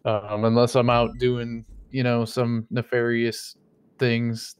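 Brief: man, smooth, dry close sound, hesitant, mock-innocent banter in roleplay. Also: mid-range voice, completely flat delivery, takes it slowly, dry recording. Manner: rambling and hesitant, with many fillers and restarts. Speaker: streamer playing a roleplay character. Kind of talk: casual in-character roleplay chat.

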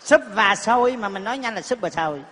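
A man's voice: high-pitched, animated, fast talker, a bit bright. A male comedian playing a cranky, teasing old grandfather who loves foreign things, on a live stage. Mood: bossy teasing. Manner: bossy, teasing, calls the girl "mày". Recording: live stage with hall reverb and faint noise.

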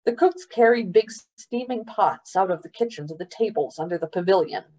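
A woman's voice: mid-range voice, brisk, warm tone, low-quality recording. A woman, a library storytime reader, steadily narrating a children's novel aloud.

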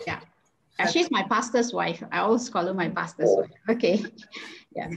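A woman's voice: on the low side, moderate pace, creaky, slight background noise, low-quality recording. A woman leading a devotional Bible study over a video call, speaking hesitantly with many fillers and restarts.

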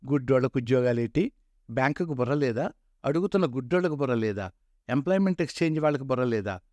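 A man's voice: mid-range voice, lively intonation, quick pace, darkish tone, dry recording, highs cut off, natural voice. A man voicing a rude, sneering male office peon who mocks people in a North Coastal Andhra dialect. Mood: mocking. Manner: mocking, scornful.

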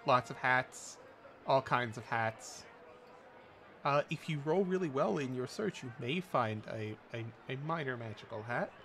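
A man narrating a tabletop game casually as game master, describing scenes in halting pieces. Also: mid-range voice, lively intonation, a bit bright, soft background music.

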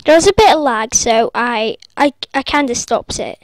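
A high-pitched woman rambles through her game commentary while sitting up in bed. She talks casually into her laptop, breaking into squeals and quick apologies. The sound is close and dry, with no room echo. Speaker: gaming vlogger. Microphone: laptop recording.

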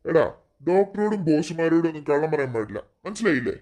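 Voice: mid-range voice, sing-song, fast talker, a little mellow, natural voice. A voice actor playing an aging, slightly deaf burglar boss in a cartoon, bossy and grumbling.

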